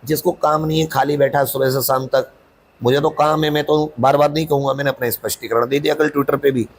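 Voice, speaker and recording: Husky-voiced teacher guy, defensive and rambling, keeps pushing his point. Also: fairly high pitch, fairly even intonation, brisk. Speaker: coaching teacher. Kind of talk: interview answers.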